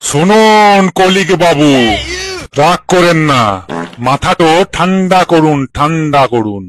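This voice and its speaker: A man voicing a stubborn male headmaster in a cartoon, calming others but insisting he is right. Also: a little high, slow, a crowd in the background. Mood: placating. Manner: placating yet stubborn.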